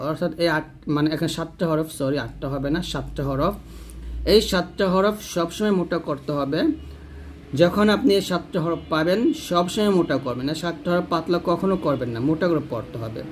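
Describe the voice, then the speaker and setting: A man with a fairly high voice teaches Quran recitation rules in a recorded video lesson. He explains patiently and spells out letter sounds one at a time, slowing right down when he drills them for his students. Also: a little hiss or hum. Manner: patient, repeats letters slowly and drills pronunciation. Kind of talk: online tajweed lesson.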